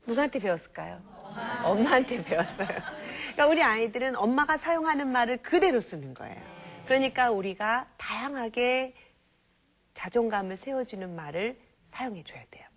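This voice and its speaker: A woman lecturing on raising children in a televised talk, lively and acting out parents and children in quoted lines. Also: fairly high pitch, moderate pace.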